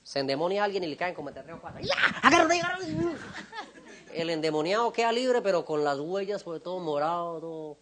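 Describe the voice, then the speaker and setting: A man with a fairly high voice preaches a sermon to his congregation. He tells stories with lively acted-out voices, and at the peaks he breaks into shouts. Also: fast, hardly any pauses, crowd noise. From Latin America. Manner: animated storytelling, acting out voices and shouting at peaks. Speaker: pastor.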